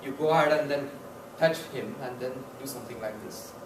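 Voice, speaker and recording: A man's voice: mid-range voice, fairly quick. A man from India with an Indian accent giving a humorous contest speech, telling stories and acting out little scenes. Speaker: club contest speaker. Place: meeting hall with an audience. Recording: echoey hall, far mic, audience noise.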